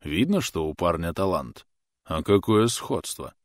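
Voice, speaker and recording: A calm, sly working father, voiced by a male narrator, deadpan and unhurried. His voice sits very low, and the recording is dry and close. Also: no echo.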